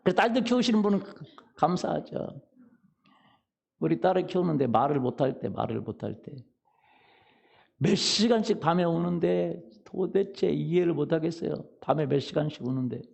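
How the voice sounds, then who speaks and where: A man's voice: a little high, lively intonation, moderate pace, gravelly, darkish tone. A middle-aged man preaching a sermon as pastor, telling humorous stories and asking the congregation questions. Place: church sanctuary.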